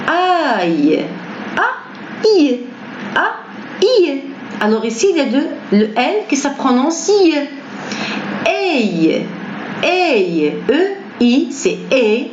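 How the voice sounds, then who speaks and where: A woman teaching beginners French pronunciation, patiently repeating each word slowly and clearly; her first language is Arabic. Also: high voice, background noise. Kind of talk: slow beginner pronunciation lesson. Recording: roomy, slightly dull recording with faint ambience.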